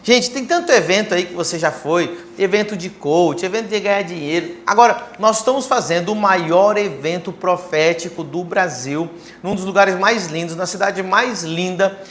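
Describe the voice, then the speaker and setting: A man's voice: sits high, normal speed, few pauses, fairly bright tone, a little hiss or hum. A man pastor on a church livestream, enthusiastically promoting an event and talking at length. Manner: enthusiastic promoter, talks a lot.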